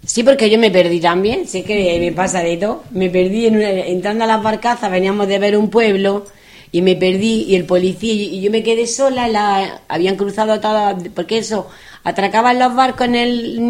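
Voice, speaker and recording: A middle-aged woman, telling funny travel anecdotes in casual chat, animated and chatty. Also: medium pitch, brisk. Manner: lively, animated anecdotes with acted quotes. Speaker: guest telling travel stories.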